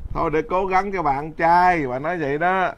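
Teasing monk, higher voice. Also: male voice, brisk, a bit bright, lo-fi sound. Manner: teasing, exclamatory, fond. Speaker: Buddhist monk. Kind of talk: casual chat at home.

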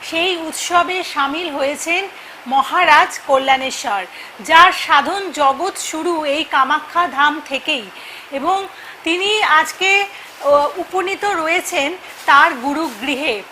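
A woman's voice: high-pitched, slow pace, bright, forceful tone, a little hiss or hum, low-quality recording. A woman presenter introducing a guest at a temple in a formal way, with a few hesitations. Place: temple grounds.

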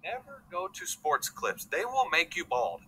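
A man's voice: sits high, huge pitch swings, measured pace, sharp tone, husky, low-quality recording. A man doing casual vlog talk to the camera, rambling and joking, calling people "bro". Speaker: vlogger.

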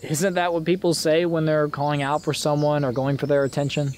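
A man's voice: fairly high pitch, level tone, a little fast, a little mellow, slight background noise, natural voice. An actor playing a polite, earnest ghost of a man lost since the 1950s, from Illinois, in a film drama. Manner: earnest, polite, old-fashioned.

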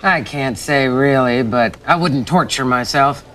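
A gruff, kindly middle-aged school woman. She is deadpan and matter-of-fact, with a bright, firm edge to her voice, in TV comedy style. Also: very deep voice, unhurried, slight background noise. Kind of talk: TV comedy acting.

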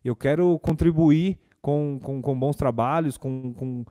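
Answering reporters casually at a desk mic in the club press room, a young male footballer from Brazil repeats himself and uses fillers. His dark-toned voice is medium in pitch, and he speaks slowly.

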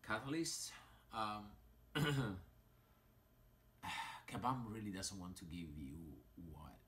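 Slow, sighing man with an Italian accent. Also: lowish voice, big pitch swings, fairly bright tone. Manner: slow, sighing, rambling with many fillers. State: tipsy. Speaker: mobile game vlogger. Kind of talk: casual commentary while opening game crystals.

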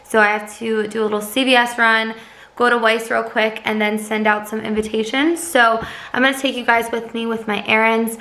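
A woman's voice: fairly high pitch, flat delivery, normal speed, bright, forceful tone. A woman in her twenties, a student teacher, talking casually to her camera at home in an upbeat, chatty way, often saying "like". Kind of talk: casual vlog talk to camera.

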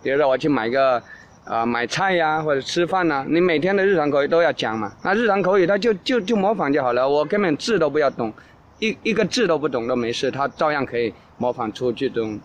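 A man's voice: a little high, expressive, quick pace, slight background noise. A man hosting a casual talk show, answering listener questions in a rambling way with frequent restarts and repeated words. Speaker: English teacher and podcast host.

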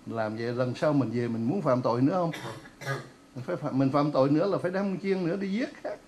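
A man's voice: a little high, quick pace, a little mellow, a little hiss or hum, low-quality recording. A male pastor, preaching a sermon in a folksy, vivid storytelling way and often putting questions to the congregation.

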